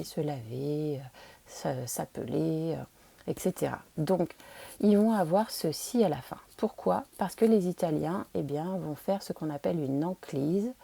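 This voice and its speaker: A woman teaching Italian grammar, patiently explaining step by step and repeating forms slowly. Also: low-pitched, creaky, mellow, slightly rough.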